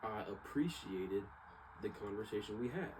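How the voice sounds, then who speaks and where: A young male vlogger delivers a casual, rambling personal monologue in informal slang, often circling back and trailing off. His voice is fairly low with lively intonation at a moderate pace, and there's clearly noisy background ambience.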